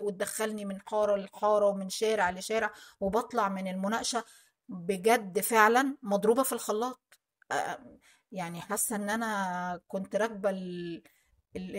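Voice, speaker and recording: Fast-talking Egyptian woman vlogger. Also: medium pitch. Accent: Egyptian Arabic. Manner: earnest, many restarts and hesitations. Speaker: channel host. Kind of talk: advice vlog to viewers.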